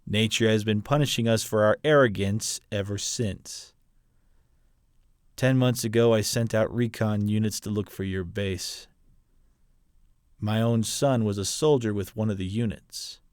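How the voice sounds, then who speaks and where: A man playing a hardened, ruthless military officer, a colonel delivering a grave, deliberate dramatic film monologue. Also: on the low side, smooth, no room sound, studio quality, natural voice. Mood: stern, accusing. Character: hardened, ruthless military colonel justifying his brutal mission.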